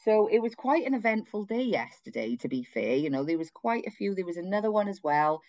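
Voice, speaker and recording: A woman's voice: mid-range voice, sing-song, a little fast, darkish tone, no room sound, muffled recording. A woman telling a story in a blunt, chatty, rambling way, full of asides. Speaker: activist describing a street protest. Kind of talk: casual conversational storytelling.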